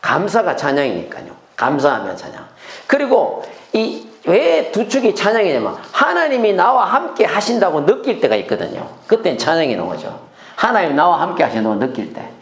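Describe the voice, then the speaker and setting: A middle-aged male pastor teaching scripture in a sermon, animated, asking the congregation rhetorical questions and acting out cries of lament in a sudden high voice. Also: moderate pace. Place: church sanctuary. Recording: echoey church hall.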